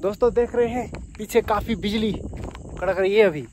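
A man in his thirties camps alone by a lakeshore at night during a thunderstorm, chatting to viewers like friends and explaining what he's doing as he works. His voice is high-pitched, brisk and darkish, and the outdoor camera audio picks up wind and insects.

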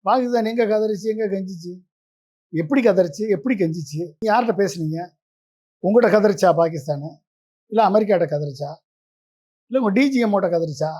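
A man's voice: sits high, a little mellow. A man giving a political interview as the guest, pressing his case with a stream of combative rhetorical questions.

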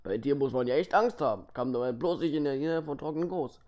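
A man's voice: medium pitch, animated, quick pace, a little mellow, natural voice. A man voicing a grumpy, world-weary old hermit, reading out video game dialogue in a grumbling way. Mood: cautioning.

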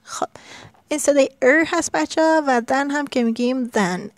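Soft-spoken woman teaching English grammar. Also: high voice, no echo. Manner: explains patiently with many hesitations, mixing in English examples. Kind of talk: Farsi-language English grammar lesson.

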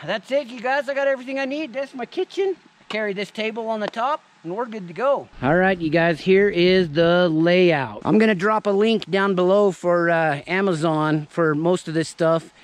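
A relaxed man in his thirties talks viewers through his camp kitchen in a forest clearing, his voice sitting a little high. He chats loosely, calling out "you guys", with a faint outdoor hiss behind him. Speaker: vlogger showing camping gear. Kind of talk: casual outdoor demonstration. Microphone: camera on a tripod and handheld selfie camera.

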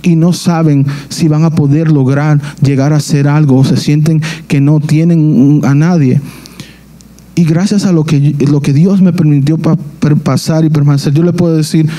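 A young man preaches in a church with a very dark, mellow voice pitched a little above the usual. He speaks earnestly and haltingly, often restarting his phrases as he shares a personal testimony. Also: fairly even intonation. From Dominican Republic.

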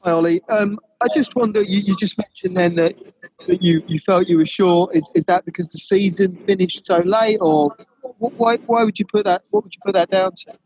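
A man's voice: high voice, steady tone, normal speed, a little mellow, husky, highs cut off. A male reporter asking a stammering question at a press conference. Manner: stammering, repeats words.

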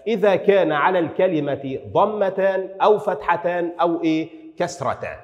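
A man's voice: sits high, brisk, long reverb tail, dull audio. A man teaching a lesson on writing rules, asking his own questions and answering them, drawing out the example words with strong emphasis. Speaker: Arabic writing instructor.

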